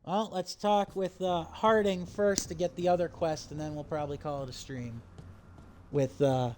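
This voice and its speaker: A man's voice: fairly high pitch, fairly even intonation, moderate pace, a little mellow, slight background noise. A man giving casual, enthusiastic commentary as he streams a video game. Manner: enthusiastic, cheering.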